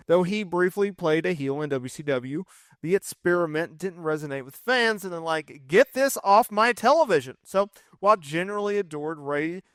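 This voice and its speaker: A man in his thirties hosting a casual wrestling list video, chatty and quick to correct himself. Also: on the high side, clear, resonant tone, no room sound, clean studio sound. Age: 30s. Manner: chatty, self-correcting, fan enthusiasm. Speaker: wrestling commentary host.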